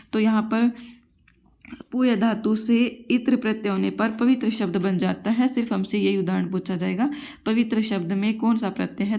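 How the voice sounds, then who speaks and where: A woman's voice: fairly high pitch, mellow. Female tutor, exam-prep grammar class, patient and repetitive, quizzes students. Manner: patient, repeats rules and asks the class questions; addresses students as children. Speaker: Sanskrit grammar teacher.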